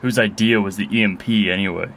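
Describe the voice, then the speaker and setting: A man voicing a gruff, menacing old male police chief who taunts in a slow drawl. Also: on the low side, steady tone, background noise, natural voice. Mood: taunting. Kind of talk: storybook narration.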